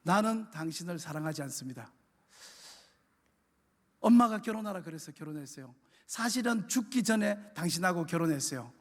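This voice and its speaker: A man's voice: fairly high pitch, expressive, brisk, long pauses, in a large hall. A man voicing a desperate young mother, pleading in a raised voice.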